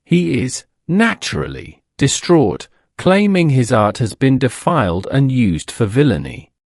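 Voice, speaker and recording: A man's voice: mid-range voice, sing-song, unhurried, darkish tone, no echo, studio quality. A man voicing a dutiful police inspector who speaks formally and deferentially.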